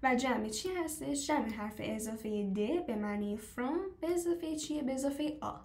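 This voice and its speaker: Female teacher, slightly high voice, patient stepwise explainer who quizzes her class; echoey room. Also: animated, darkish tone. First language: Persian. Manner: explains step by step, asks the class questions; slows down to model foreign phrases. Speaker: language teacher. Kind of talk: live online class.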